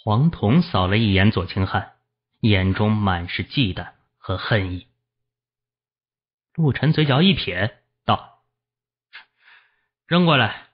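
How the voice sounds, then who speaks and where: A man reads a fantasy novel aloud as an audiobook narrator, telling the story steadily. His voice is low and somewhat husky, and the recording sounds dull and lo-fi. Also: slow, pauses often. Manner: steady storytelling, voicing the characters.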